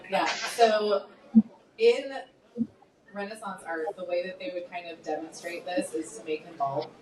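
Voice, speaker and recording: A woman's voice: on the low side, measured pace, a little mellow. A woman taking part in a food challenge, chatting in casual comic banter. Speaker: challenge participant. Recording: echoey room, distant mic, audience noise.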